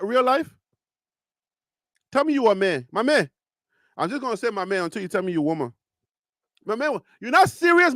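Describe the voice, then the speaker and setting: Hosting a live show, a high-pitched Liberian man delivers casual stream commentary full of rhetorical questions, teasing, and emphasis. He sounds animated, and his pitch rises as he argues. The audio is studio quality with no room sound.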